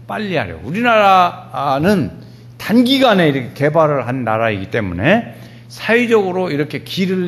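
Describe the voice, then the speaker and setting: A male pastor preaching with lively, swooping pitch. He tells folksy stories and jumps into loud, raised bursts. The voice sits a little high for a man. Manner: animated, folksy storytelling with sudden loud rises. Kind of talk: sermon.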